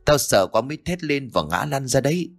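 A man's voice: mid-range voice, animated, fairly quick, vocal fry, voice pushed up. A man voicing an old village chief in a ghost story, his speech shaky and stammering with fear. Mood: terrified. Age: older.

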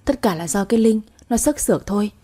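Old man, stern grandfather and doting husband in a spoken story, read by a woman; breathy, mellow. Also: medium pitch, animated, fast talker. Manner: scolding toward granddaughter, tender toward wife.

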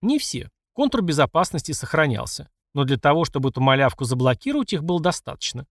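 A man reading an audiobook narration in an expressive, wry way. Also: fairly high pitch, fast talker, no echo, clean studio sound. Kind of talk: scripted narration.

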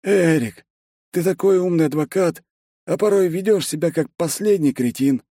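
A man's voice: on the high side, moderate pace, warm tone, no echo, clean studio sound, voice pushed up, close to an everyday voice. A man putting on a cheeky half-pixie secretary. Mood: teasing. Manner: teasing, coaxing, nonchalant. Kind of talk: audiobook character voice.

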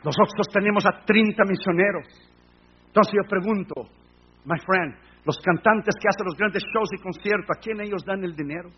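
A man preaching a sermon as a pastor, telling a story with passion, dropping from hushed tones to shouting and sprinkling in English phrases. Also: high voice, moderate pace, highs cut off, slight background noise.

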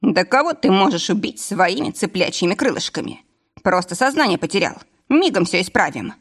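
Woman reading a wry, calm male driver. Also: medium pitch, moderate pace, breathy edge. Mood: dry. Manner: dry, matter-of-fact.

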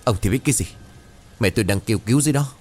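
A man voicing a desperate middle-aged son who shouts frantically in a storybook ghost tale. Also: mid-range voice, lively intonation, rapid-fire, soft background music, lightly acted. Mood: frantic.

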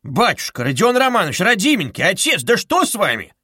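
A man's voice: on the high side, expressive, moderate pace, fairly bright tone, no echo, clean studio sound. A man voicing a sly, fawning middle-aged male investigator who wheedles and needles with ingratiating asides. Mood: alarmed.

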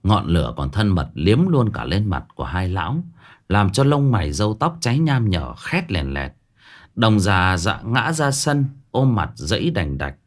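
A man narrating a ghost story in a lively, colloquial way. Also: on the low side.

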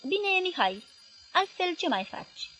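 A woman reading the part of a moody young woman who speaks with cool, quiet irony. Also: very high voice, very animated, muffled recording, soft background music, pitched above the performer's own voice, heavily acted.

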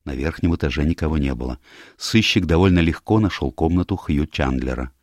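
Deep-voiced male audiobook narrator. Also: fairly quick, darkish tone, dry recording, clean studio sound. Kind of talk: scripted narration.

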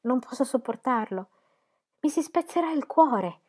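A woman reading aloud, voicing a gentle, sincere young woman with a clear, sweet voice who speaks softly and pleads. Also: mid-range voice, moderate pace, natural voice. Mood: pleading. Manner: soft, pleading.

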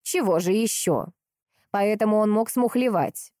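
Woman reading a pushy older lady detective in an audiobook, sugary then sharp, mellow tone. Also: medium pitch, a little slow, no room sound, clean studio sound, pitched above the performer's own voice, natural voice. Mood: insistent. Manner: insistent, by turns sweet and cutting.

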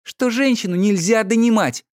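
A man reading an audiobook, voicing an irritable, distraught young noblewoman with sharp, exasperated outbursts. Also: fairly high pitch, animated, moderate pace, no room sound, clean studio sound, voice pushed up, lightly acted.

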